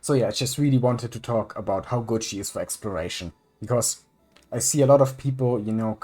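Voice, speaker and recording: Laid-back young man, low voice. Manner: relaxed, rambling, frequent ums and uhs, casual swearing. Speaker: gaming YouTuber. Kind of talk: casual gameplay commentary.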